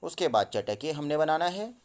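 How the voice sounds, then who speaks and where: A male teacher who reads textbook lines out loud and then explains each one, recorded on a phone. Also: a little high, very animated, moderate pace. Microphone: phone mic.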